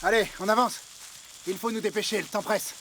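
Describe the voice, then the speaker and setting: An actor dubbing the firm, protective leader of a group on the run. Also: male voice, sits high, fairly even intonation, brisk, creaky, noisy background. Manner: firm, commanding. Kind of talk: dubbed telenovela acting. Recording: music playing underneath.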